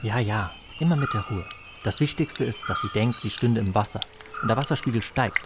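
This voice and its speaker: A woman voicing a boy's calm older brother who explains things in a patient, reassuring way. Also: rumbling low, fairly quick. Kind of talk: audio drama acting. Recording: noisy background.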